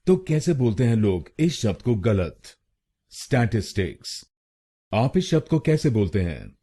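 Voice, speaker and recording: A man with an Indian accent teaches pronunciation at an unhurried pace. His voice is low, mellow and a little husky. His intonation is lively, and he repeats each word and syllable deliberately. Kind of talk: scripted pronunciation lesson.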